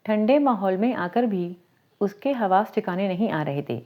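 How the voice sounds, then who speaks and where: A woman narrating a romantic novel in a steady, even reading voice. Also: medium pitch. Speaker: storyteller. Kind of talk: scripted story narration. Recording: dull lo-fi recording.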